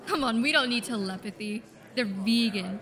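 A woman's voice: fairly high pitch, normal speed, fairly bright tone, close to an everyday voice. A woman playing a brash, sarcastic young detective in a comedic short film. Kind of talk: comedic student film acting.

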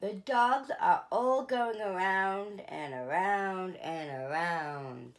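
A woman in her thirties reading a picture book aloud for children, slow and clear, with lively rises on the dogs' exclamations. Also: mid-range voice. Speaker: children's museum storyteller. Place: small indoor room, seated in an armchair.

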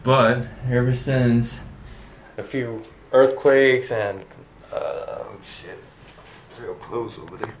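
A man's voice: mid-range voice, steady tone, slow pace, reverberant. A nervous man vlogging on his phone in a mountain cable car, swearing often and talking himself through his fear of heights. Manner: drops to a hushed whisper at times. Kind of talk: casual vlog commentary. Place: outdoors in a gondola cable car high over mountains. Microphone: handheld phone. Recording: phone recording with wind and vehicle noise. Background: wind whistling and cable car hum.

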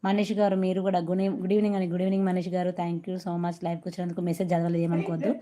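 A woman's voice: on the low side, little pitch movement, fast talker, mellow. A woman from Telangana with a Telangana Telugu accent, hosting a casual live stream, chatting and greeting viewers by name with English phrases mixed in. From Telangana, India.

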